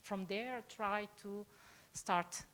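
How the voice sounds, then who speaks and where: A woman's voice: mid-range voice, drawn-out words, a bit bright. Earnest middle-aged woman on a video call. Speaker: input speaker, education director. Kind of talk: online panel introduction.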